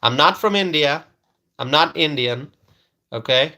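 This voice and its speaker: This Bangladeshi political commentator addresses his live stream audience in an unhurried, fairly high, sharp-toned voice. He greets people by name, restates his points over and over with tag questions of "okay?", and hesitates with fillers and restarts.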